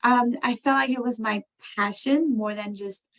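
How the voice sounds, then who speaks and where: A woman from France, answering interview questions on a video call, talking thoughtfully with many pauses and fillers. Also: on the high side, steady tone, rough recording. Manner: thoughtful, many ums and you knows. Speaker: program participant.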